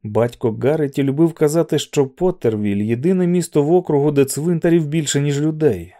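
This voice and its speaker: A man narrating a novel as an audiobook, in steady, even storytelling. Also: fairly high pitch, a little fast.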